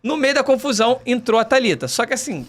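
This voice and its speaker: A young man tells a story on a podcast in casual, lively talk. His voice sits high and his words come quickly. He acts out the people he quotes, pitching his voice far up or down for them. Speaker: podcast guest.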